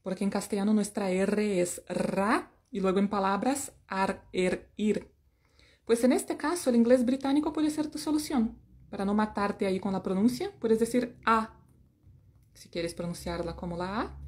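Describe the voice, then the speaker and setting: A woman's voice: medium pitch, normal speed, a little mellow. A woman from teaching an English lesson in Spanish, playful and joking about herself. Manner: playful, sings snatches of songs and jokes about herself.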